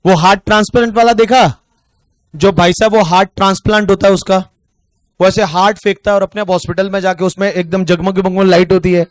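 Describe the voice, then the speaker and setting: A man with an Indian accent teaching an online tax class, chatting casually and joking, then slowly dictating questions. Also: high voice, steady tone, no room sound, studio quality.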